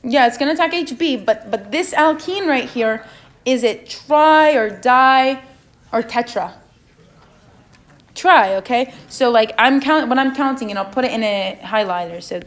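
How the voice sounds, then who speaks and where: A young woman with a non-native English accent leading an exam review session, asking the students questions and checking in with "okay?" as she goes. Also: a little high. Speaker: chemistry review session leader.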